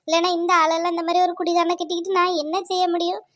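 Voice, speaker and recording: A woman voicing a weary, sharp-tongued middle-aged village wife who keeps cows, speaking. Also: very high voice, level tone, rapid-fire, no echo, clean studio sound. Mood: grumbling. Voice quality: grumbling, scolding. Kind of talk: cartoon voice acting.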